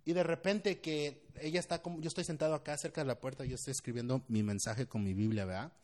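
A man's voice: medium pitch, fast. A young man with a Mexican accent, a pastor telling funny stories in a sermon and often dropping English slang. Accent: Mexican Spanish. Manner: animated, humorous, laughs often, mixes in English slang. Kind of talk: storytelling sermon.

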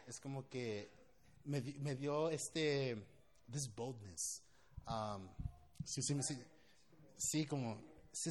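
A young man with a Mexican accent, a pastor telling funny stories in a sermon and often dropping English slang. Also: medium pitch. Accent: Mexican Spanish. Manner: animated, humorous, laughs often, mixes in English slang. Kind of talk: storytelling sermon.

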